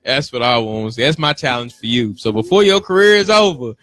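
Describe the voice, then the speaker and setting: A man at an ordinary pitch hosts a relaxed interview, talking in a laid-back, slangy way. He keeps repeating short, upbeat affirmations. His voice sounds dry and close to the mic. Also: a little fast, no echo. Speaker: interviewer, show host. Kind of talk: casual interview chat.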